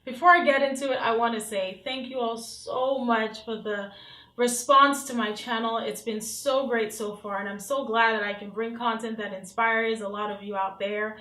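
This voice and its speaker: Recorded roughly in an echoey room through her camera mic, this woman's fairly high, evenly intoned voice moves at a moderate pace. She's a Nigerian beauty vlogger in her thirties, reading questions from her phone and chatting warmly with plenty of friendly asides.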